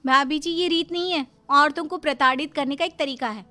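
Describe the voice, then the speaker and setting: A woman voicing an outspoken, indignant young daughter-in-law from the city in an animated moral story. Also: high voice, brisk, voice pushed up. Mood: indignant, defiant. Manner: indignant, argumentative.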